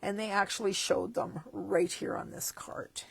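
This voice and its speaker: A Canadian woman with a mid-range, level voice, a little slow with vocal fry and slight roughness, is losing her voice as she demonstrates stamping supplies. At an indoor tabletop craft desk, she walks casually through a catalog, chatty and chuckling in asides.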